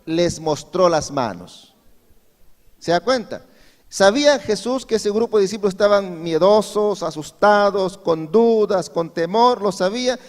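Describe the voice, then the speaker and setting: A man's voice: high-pitched, expressive, measured pace. A male pastor gives a Sunday sermon and keeps asking the congregation rhetorical questions. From Peru. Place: church hall. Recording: long hall reverb.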